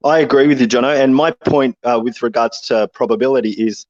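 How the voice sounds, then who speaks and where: A man's voice: medium pitch, brisk, darkish tone, dry recording. Man on a lo-fi call. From Tasmania, Australia. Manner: frank, explanatory, argumentative. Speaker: guest speaker. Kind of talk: casual online discussion. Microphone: audio-only video call.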